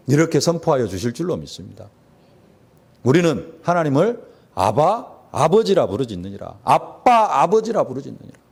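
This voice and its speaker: A man's voice: mid-range voice, darkish tone. A man preaching a sermon as pastor in a church, with emphatic rising peaks, sudden drops and rhetorical questions. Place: church sanctuary.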